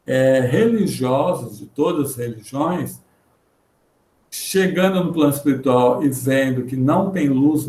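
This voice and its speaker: Brazilian guy giving a religious talk on a video call, kinda high voice, lots of fillers, echoey. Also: mellow. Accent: Brazilian Portuguese. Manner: earnest, halting with repeated fillers. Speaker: spiritist lecturer. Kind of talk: religious lecture with read-out passages. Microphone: computer mic in a video call.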